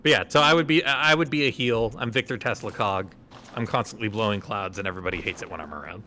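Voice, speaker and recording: A man's voice: fairly low pitch, quick pace, sharp tone, a little hiss or hum. A man co-hosting a live stream, talking in a rambling, jokey way. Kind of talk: casual live-stream chat.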